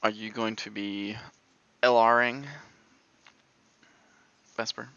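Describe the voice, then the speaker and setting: Man, game master, bright and crisp voice, loose rambling talk, lo-fi recording. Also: fairly low pitch, little pitch movement, slow, dry recording. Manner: rambling, lots of "like". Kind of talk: narrating a tabletop game. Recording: dull lo-fi sound.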